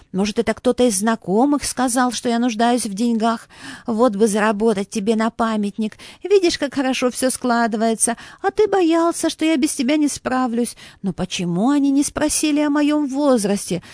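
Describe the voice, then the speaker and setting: A woman's voice: fairly high pitch, a little mellow, dry recording, studio quality, voice pushed up, lightly acted. A woman voicing a fussy elderly widow. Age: older. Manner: fussy, tender, hurried. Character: elderly widowed woman, anxious, hopeful, gentle.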